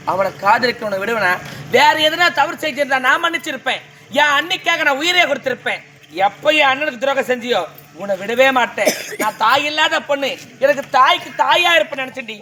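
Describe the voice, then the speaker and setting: A man's voice: extremely high pitch, sharp tone, a little hiss or hum, exaggerated voice. A man on a village stage playing a righteous sister-in-law who scolds and accuses. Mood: scolding. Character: stern righteous sister-in-law, young woman. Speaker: stage actor in female role. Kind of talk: village stage drama acting.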